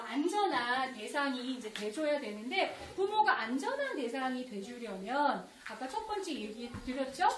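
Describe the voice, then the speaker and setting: High, lively woman lecturing adoptive parents. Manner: lively, acts out parent and child lines, laughs often. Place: lecture hall with audience. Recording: echoey hall with audience.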